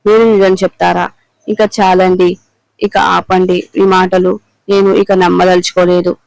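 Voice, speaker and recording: A woman's voice: on the low side, flat delivery, measured pace, creaky, a little mellow, no room sound, rough recording. Man reading as a bitter, accusing wife. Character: angry betrayed middle-aged wife.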